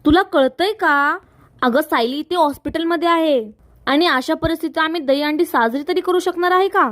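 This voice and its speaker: A woman's voice: high voice, moderate pace, fairly bright tone, dry recording, voice pushed up. A woman voicing a stern, worried family father in a retold serial story. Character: angry worried adult man, family father.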